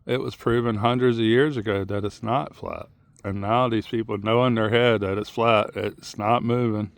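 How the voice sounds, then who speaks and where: Male outdoor vlogger, low and gravelly, rambling and plain-spoken, thinking aloud on a walk. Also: steady tone, normal speed, dry recording. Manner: musing, plain-spoken, drifting between thoughts. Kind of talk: rambling outdoor monologue while walking. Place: outdoors on a muddy tidal shore.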